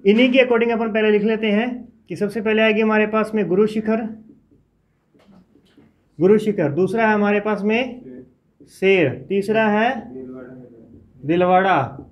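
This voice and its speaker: A man teaching a geography class in a casual lecture style. He dictates lists and repeats each name slowly for his students. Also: high voice. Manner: talks informally to students while teaching. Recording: dull lo-fi classroom recording.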